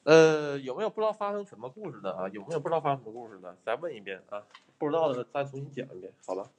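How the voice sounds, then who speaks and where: A man's voice: medium pitch, very animated, racing. A man hosting a live stream as a ghost hunter in an abandoned building, chatting bluntly with viewers, swearing and thanking them for gifts. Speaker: livestreaming ghost hunter host.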